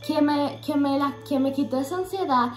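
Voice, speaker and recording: High-pitched young woman sharing a faith testimony, earnest and halting, roomy echo. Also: soft background music. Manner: earnest, halting, many fillers and restarts.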